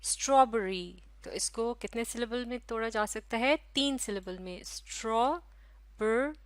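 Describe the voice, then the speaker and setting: A woman teacher with a Pakistani Urdu accent and a fairly high voice talks close to a dry mic. She speaks slowly and carefully, stretching out each syllable for young learners. She asks questions and then answers them herself. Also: fairly bright tone, dry recording. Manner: slow, careful, drawn-out syllables for children. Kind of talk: recorded classroom lecture.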